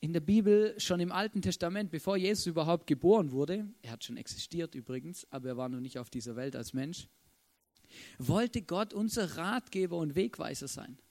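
Chatty high-voiced preacher. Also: male voice, expressive, a little fast, a little mellow. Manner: chatty, keeps asking "oder?". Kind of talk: casual sermon.

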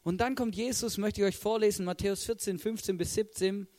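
Very high-voiced animated male preacher. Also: brisk. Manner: animated, peppers sentences with "hey" and "oder?"; acts out characters' reactions in a raised voice. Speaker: church leader preaching. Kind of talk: sermon.

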